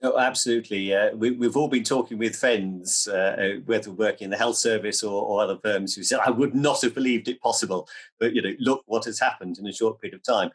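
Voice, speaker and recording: Husky-voiced male interviewer. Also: fairly low pitch, steady tone. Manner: halting, repeats words. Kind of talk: remote interview questions.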